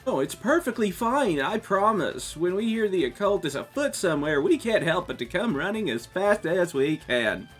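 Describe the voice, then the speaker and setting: A man's voice: high voice, big pitch swings, normal speed, few pauses, faint music behind, pitched above the performer's own voice. A man voicing an overeager, worked-up young girl who leads a club, reading video game dialogue. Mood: eager.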